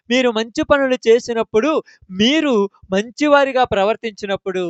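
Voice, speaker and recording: A man's voice: high-pitched, smooth, dry recording, dull audio. A man preaching a children's sermon, emphatically asking the children question after question.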